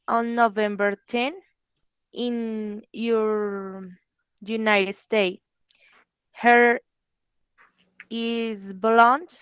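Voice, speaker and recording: Smooth-voiced young Colombian woman, slow. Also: a little high, a bit bright, dry recording, muffled recording. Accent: Colombian Spanish. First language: Spanish. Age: 20s. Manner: careful, halting learner English. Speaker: psychology student. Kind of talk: slow read English class presentation.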